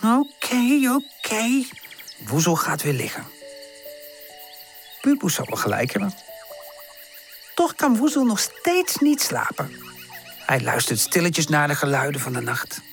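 Slow, gently expressive woman storyteller. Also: low voice, faint music behind. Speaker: audiobook narrator. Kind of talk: children's storybook narration.

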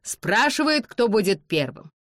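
A harried, servile footman frets and apologizes to his masters, as a woman reader puts him on. His delivery is lively, with a lot of rise and fall. The audiobook sound is dry and close. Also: mid-range voice, measured pace, no room sound, voice pushed up. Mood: reporting. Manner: apologetic, reporting nervously.

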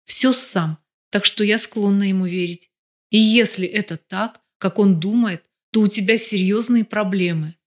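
A woman reading an audiobook, voicing a sharp-tongued wife with a blunt, ironic manner. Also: mid-range voice, measured pace, lightly acted. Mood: serious.

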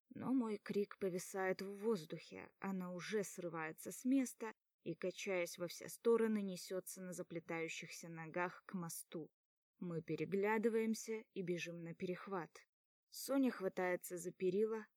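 A woman narrating an audiobook in a steady storytelling manner. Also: on the low side, no echo, studio quality.

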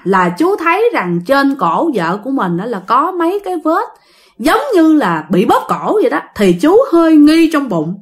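A woman telling a ghost story in a chatty way, talking straight to her listeners. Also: high voice.

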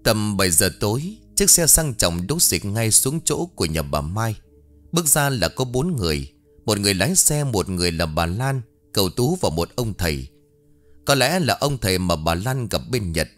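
A man narrating an audiobook horror story in a dramatic, expressive way. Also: fairly low pitch, moderate pace. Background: faint music.

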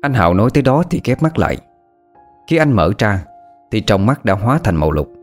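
A man narrating a ghost story in a steady, first-person way. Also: fairly low pitch, fairly quick. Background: faint background music.

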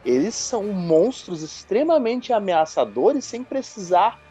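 A speaker with a Brazilian Portuguese accent co-hosting a casual podcast discussion in a chatty way, tossing in quick asides. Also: mid-range voice, big pitch swings, warm tone. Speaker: podcast co-host. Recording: dull lo-fi sound with faint music.

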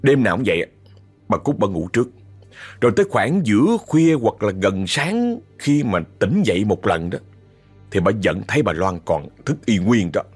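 Southern vietnamese guy spinning a ghost tale, husky voice, pitch jumps all over, soft music under it. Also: very animated, moderate pace. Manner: chatty, addresses listeners directly. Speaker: ghost story narrator. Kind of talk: told horror story.

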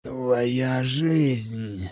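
A man voicing an eerie young witch girl in a dry, slow whisper. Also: mid-range voice, darkish tone, no echo.

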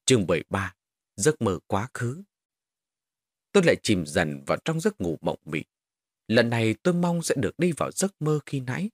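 Husky man narrating a horror story. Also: mid-range voice, normal speed, no echo, clean studio sound. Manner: dramatic, expressive storytelling.

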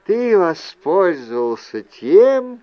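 A man reading an audiobook, voicing a wary aristocratic aunt who is a sorceress, with measured, pointed questions. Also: high voice, sing-song, no room sound, lo-fi sound, pitched above the performer's own voice, exaggerated voice. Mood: cool, probing. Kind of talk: audiobook character voice.

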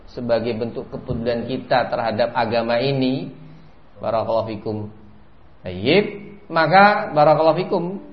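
A man giving a sermon lecture, repeating a set phrase often and rising sharply for emphasis. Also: mid-range voice. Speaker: Islamic preacher. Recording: echoey, dull lo-fi lecture recording.

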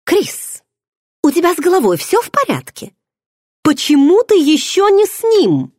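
A woman's voice: a little high, big pitch swings, a little slow, darkish tone, no room sound, studio quality, pitched above the performer's own voice. A woman voicing a playful, nosy young pregnant friend who teases with pushy questions. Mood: teasing. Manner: teasing, bubbly, pushy questions.

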